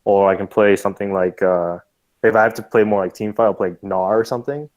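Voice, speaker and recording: A man trying out as a guest on a gaming podcast, talking in a relaxed, loose way with lots of fillers. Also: on the low side, brisk, lo-fi sound. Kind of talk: casual podcast chat.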